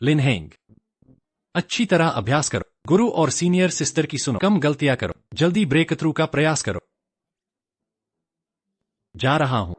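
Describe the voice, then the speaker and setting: A man's voice: a little high, very animated, moderate pace, pauses often, slightly rough, no echo. A man voicing a cowardly, cheeky young disciple in a dubbed fantasy drama, jittery and stammering when scared. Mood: anxious. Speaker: sect disciple.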